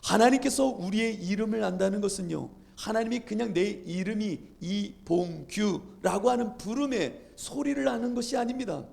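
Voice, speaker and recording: High, gravelly man preaching a sermon. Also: moderate pace, few pauses, a little mellow. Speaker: pastor.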